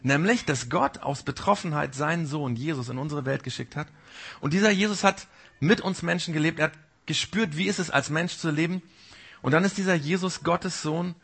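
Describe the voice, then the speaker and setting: A man preaching a sermon, speaking directly and informally to the congregation and sometimes acting out a gentle inner voice that warns. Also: a little high, moderate pace, gravelly, breathy edge. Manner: mimics the Holy Spirit's gentle warning. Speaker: pastor.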